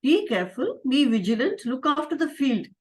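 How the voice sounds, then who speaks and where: A woman's voice: high voice, big pitch swings, moderate pace. A woman voicing an old village grandfather giving careful instructions in a children's story. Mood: cautioning. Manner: instructing, warning.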